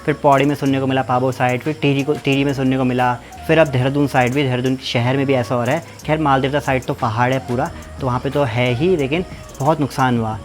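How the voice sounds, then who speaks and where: A man's voice: medium pitch, steady tone, fast, soft background music. A young man from Uttarakhand hosting a casual vlog, chatty and rambling, feverish with a blocked ear. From Uttarakhand, India. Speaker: vlogger host.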